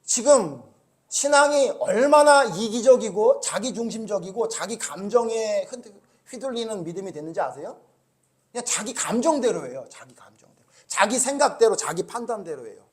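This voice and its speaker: A male pastor delivers a Sunday sermon in a rather high voice. He peppers the congregation with rhetorical questions and swings from raised, scolding emphasis to low, hushed asides. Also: normal speed. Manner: animated preaching, rising loud when scolding, dropping low and quiet.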